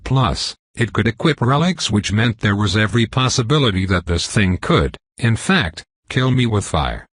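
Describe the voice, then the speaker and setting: راوٍ بصوت منخفض مبحوح. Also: male voice, lowish voice, very animated, moderate pace, few pauses, fairly bright tone, breathy edge, no echo. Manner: wry, profane. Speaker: audiobook narrator. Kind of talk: first-person scripted narration.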